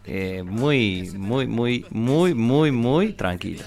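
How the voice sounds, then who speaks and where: A man's voice: mid-range voice, lively intonation, very slow, creaky, a little mellow. A young man with an Argentine accent, hosting a radio show and chatting casually, joking and laughing often. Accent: Argentine Spanish. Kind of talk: casual chat.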